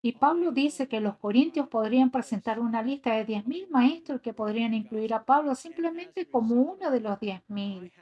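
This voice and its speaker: A woman's voice: a little high, animated, normal speed, hardly any pauses, dull audio. A woman giving an earnest voice-over translation of a sermon, reading scripture passages aloud. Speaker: sermon interpreter.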